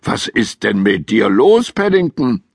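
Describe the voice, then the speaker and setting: A man's voice: medium pitch, big pitch swings, a little slow, creaky, husky, no echo, studio quality, exaggerated voice. A man voicing an earnest, slightly pompous family father in a children's audiobook. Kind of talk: audiobook character voice.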